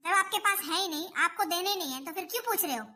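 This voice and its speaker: A woman's voice: extremely high pitch, animated, fast, pushed and bright, full character voice. A woman playing a stubborn, scolding middle-aged mother-in-law in a family drama skit. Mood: pleading. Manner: scolding, dismissive.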